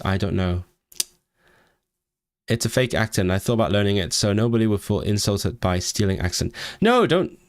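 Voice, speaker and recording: Man from Hong Kong, non-southern English accent, lowish voice; loose, rambling livestream chat with lots of restarts. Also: no echo, clean studio sound. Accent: vague non-southern English. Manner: rambling, repeats and restarts words, jumps up in pitch when excited. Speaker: language-learning streamer. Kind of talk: casual livestream chat reading out comments.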